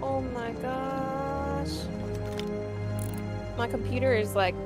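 A woman streaming a video game, chatting casually with excitable exclamations. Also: high-pitched, drawn-out words. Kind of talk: casual co-op gaming chat. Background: game music.

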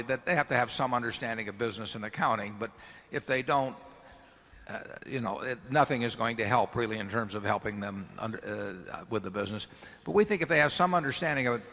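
With a pushed, bright tone and some vocal fry, an older man of medium pitch chats through shareholder questions from a table mic on an arena stage. His answers are folksy and wandering, with many restarts, and the arena PA adds a long hall echo.

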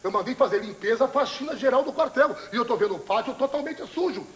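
An actor playing a blustering, hot-tempered army sergeant in a slapstick comedy sketch, bossy and prone to shouting fits. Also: male voice, very high voice, expressive, fast. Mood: stern. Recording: echoey room with audible noise.

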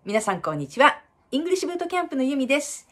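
Lively woman teaching English pronunciation. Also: high-pitched, racing. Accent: American English when reading. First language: Japanese. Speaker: American English pronunciation coach. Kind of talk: pronunciation lesson.

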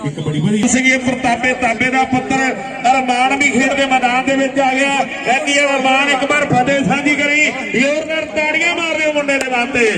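A man's voice: very high voice, fairly even intonation, brisk. A man with a Punjabi accent giving frantic rural sports commentary on kabaddi, chanting and repeating his phrases. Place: outdoor village sports ground. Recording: distant echoey PA speaker, noisy outdoor ground.

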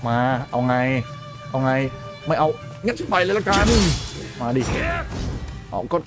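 A man hosting a gaming channel, giving chatty, playful let's play commentary with excitable outbursts during fights. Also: on the high side, takes it slowly, over music. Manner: playful, chatty banter with in-game characters.

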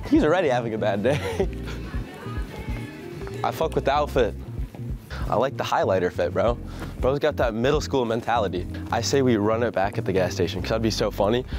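A young man talking casually in a prank vlog, joking and laughing often with quick slangy talk, filmed on a handheld camera in stores and outside. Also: medium pitch. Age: young adult. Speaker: vlogger. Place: stores, parking lot and gas station, indoors and out.

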